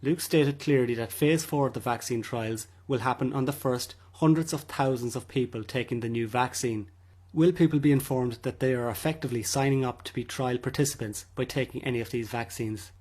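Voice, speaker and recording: Husky male voice-over narrator. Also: mid-range voice, a little fast, hardly any pauses, darkish tone. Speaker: narrator commenting on an interview. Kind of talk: scripted voice-over commentary.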